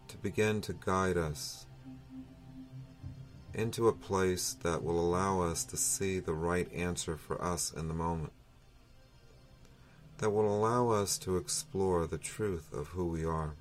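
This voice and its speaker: A man with a very low voice guides a breathing meditation. He speaks very slowly and soothingly, leaving long, unhurried pauses between short phrases. Faint music plays behind his voice. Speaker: meditation teacher.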